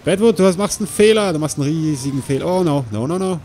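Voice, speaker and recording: A man, hosting a let's-play with jokey commentary and loud outbursts during a race. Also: a little high, quick pace, over a noisy crowd. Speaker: gaming channel host.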